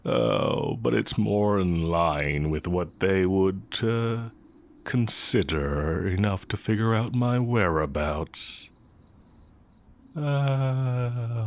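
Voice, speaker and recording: In an intimate audio roleplay, a man plays a sly heretic magic teacher who teases coolly, musing and taunting with long, drawn-out pauses. He gives a full character voice that is low-pitched and creaky.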